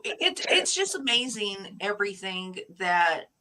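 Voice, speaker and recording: A woman's voice: mid-range voice, very animated, a little slow, sharp tone, poor audio. A woman chatting casually, opinionated and joking, laughing often. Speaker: chat show participant. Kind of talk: casual chat.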